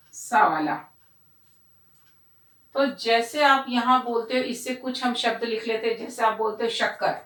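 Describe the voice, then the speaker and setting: A woman teaching a primary school lesson, explaining slowly and repeating words so children hear the pronunciation. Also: on the high side, fairly bright tone. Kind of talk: classroom lesson. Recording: echoey room, voice from a distance.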